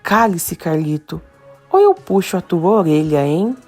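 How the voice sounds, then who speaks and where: A woman's voice: on the low side, very animated, unhurried, darkish tone, soft background music. A woman voicing a prim, vain woman who scolds and sounds prim.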